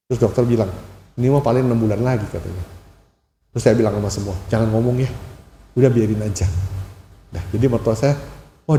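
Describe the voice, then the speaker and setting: A man's voice: medium pitch, dark tone, a little hiss or hum. A man giving a casual sermon as a Buddhist lay preacher, telling chatty stories and acting out the dialogue in livelier voices. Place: temple hall. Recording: echoey hall reverb.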